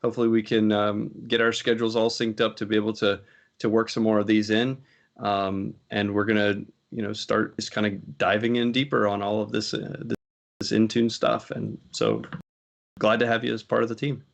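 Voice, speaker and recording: A man's voice: on the low side, moderate pace, vocal fry. A man hosting a casual tech talk show, rambling and often correcting himself as he chats. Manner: rambling, self-correcting, laughs easily. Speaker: show host.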